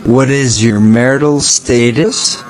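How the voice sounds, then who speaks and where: A man's voice: mid-range voice, slow, faint music behind. A man asking simple scripted questions in a repeated language-practice dialogue.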